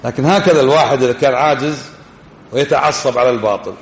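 A man giving a religious lesson, talking quickly and conversationally and putting questions to his listeners. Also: medium pitch. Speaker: religious teacher. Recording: dull, echoey hall.

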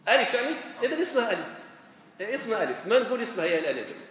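A man teaching Arabic grammar to a class, lively and quizzing his students with questions. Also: high-pitched, very fast. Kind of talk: classroom lesson. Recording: echoey hall, recorded from far off.

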